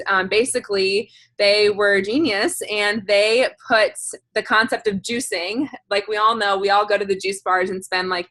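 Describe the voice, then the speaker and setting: A woman's voice: mid-range voice, bright, forceful tone, no echo. A woman hosting a group video call, giving a chatty, emphatic and informal sales presentation. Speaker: host of a group business call.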